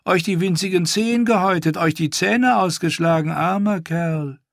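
A man's voice: sits high, normal speed, gravelly, dry recording, studio quality, pitched above the performer's own voice. A man voicing a menacing washerwoman with a mocking, coaxing manner. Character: menacing washerwoman, falsely soothing.

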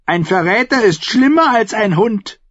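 A man's voice: high voice, lively intonation, unhurried, fairly bright tone, dry recording, pitched above the performer's own voice, heavily acted. A man voicing a fierce, hateful wildling warrior woman with a spitting, savage snarl. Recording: slightly dull, dry recording.

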